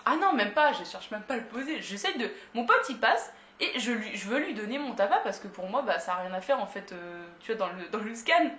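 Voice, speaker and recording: A woman's voice: fairly high pitch, expressive, a little fast, few pauses, fairly bright tone. A young woman from France telling a story in a casual, slangy way, laughing often. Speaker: vlogger. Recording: roomy echo.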